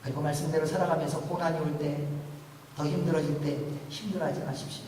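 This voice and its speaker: Male pastor, high voice, heard from afar in a very echoey church hall, emphatic and then hushed, full of rhetorical questions. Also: steady tone, fast talker, far from the mic, slight background noise. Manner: swings from loud emphatic appeals to hushed pleading. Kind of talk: Sunday sermon. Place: large church sanctuary.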